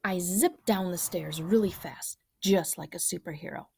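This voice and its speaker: A woman reading a children's picture book aloud in a gentle, hushed storytelling voice. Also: lowish voice, moderate pace, gravelly, a little hiss or hum. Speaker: storybook reader.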